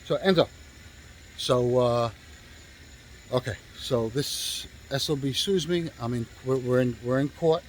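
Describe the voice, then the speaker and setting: A man's voice: medium pitch, unhurried, slight background noise, low-quality recording. A male real estate agent telling a story in a casual, rambling way, swearing freely and stopping often to restart with fillers.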